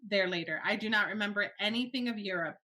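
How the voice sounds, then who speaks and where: Bright-voiced chatty woman. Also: mid-range voice, quick pace. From born in Alabama, raised in Miami. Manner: chatty, laughs often, storytelling. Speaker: guest. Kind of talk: casual interview chat.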